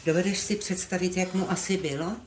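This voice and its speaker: A woman's voice: lowish voice, fairly even intonation, reverberant, close to an everyday voice. An actress as a traditional older mother who scolds and lectures in a firm voice. A noticeable noisy background sits under her. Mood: stern. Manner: stern, lecturing.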